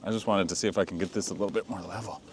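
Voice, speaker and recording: A man with a low, deep voice chats outdoors by a snowy campfire. His talk is loose and rambling, full of "like" and restarts, with faint background hiss. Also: fairly even intonation, very fast. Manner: rambling, filler-heavy talk with many "like"s. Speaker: channel co-host. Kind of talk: casual chat. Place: outdoors by a campfire in falling snow.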